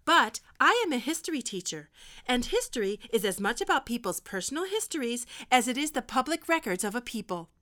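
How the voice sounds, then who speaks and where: A woman's voice: fairly high pitch, very animated, a little fast, sharp tone. A woman acting a stern, lecturing history teacher keeping two students in detention. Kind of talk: audio drama acting.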